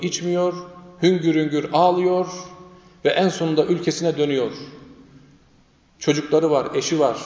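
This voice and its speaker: A man's voice: on the high side, a little mellow. A male preacher telling a story in a sermon, vividly and dramatically, with much repetition. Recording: echoey reverberant lo-fi room sound.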